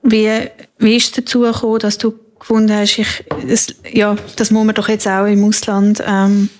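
Female interviewer, Swiss German accent, medium pitch, little intonation, conversational and slightly hesitant. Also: flat delivery, moderate pace, a little mellow.

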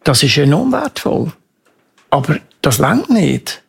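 Male campaigner interviewee, Swiss German accent, creaky rasp, slightly high voice, earnest and emphatic. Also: big pitch swings, takes it slowly. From Switzerland.

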